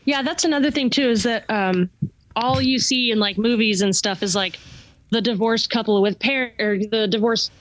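A woman's voice: fairly high pitch, normal speed, slight background noise. A young woman co-hosting a casual chat, rambling with many fillers and casual swearing.

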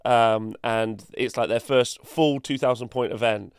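A man's voice: medium pitch, steady tone, measured pace, clear, resonant tone, dry recording, studio quality. A man co-hosting a casual tabletop gaming podcast, reading rules aloud and talking hesitantly with many fillers. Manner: hesitant, filler-heavy, laughs easily. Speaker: co-host.

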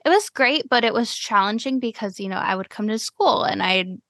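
A woman's voice: medium pitch, animated, brisk, fairly bright tone, dry recording, studio quality. A woman from Cleveland, Ohio, hosting a podcast in a casual chat, friendly and full of "you know" fillers. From Cleveland, Ohio, USA. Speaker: podcast host.

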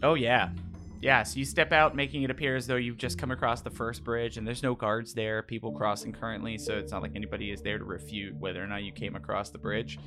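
A man running a tabletop game as game master, improvising his narration in an informal, halting way. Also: on the low side, little pitch movement. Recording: music playing behind the voice. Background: background music.

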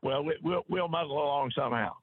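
A man from East Tennessee with an Appalachian accent, talking casually as an interview guest in a folksy, unhurried storytelling way. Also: on the high side, slightly rough, no room sound, narrow, tinny audio. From East Tennessee, USA. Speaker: guest author.

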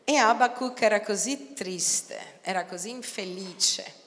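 A woman preaching a sermon in an animated way, swinging between quiet talk and loud outcries. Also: medium pitch, measured pace. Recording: long hall reverb.

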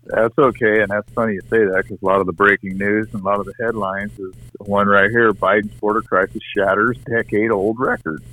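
A middle-aged man with a fairly low voice co-hosts a casual political talk show. He speaks conversationally and stresses his opinions firmly. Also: little pitch movement, a little fast, hardly any pauses, pushed and bright, poor audio. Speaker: co-host.

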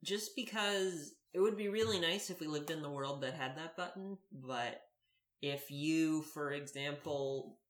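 A podcast co-host speaking in casual chat, measured, with pauses between phrases. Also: medium pitch, reverberant.

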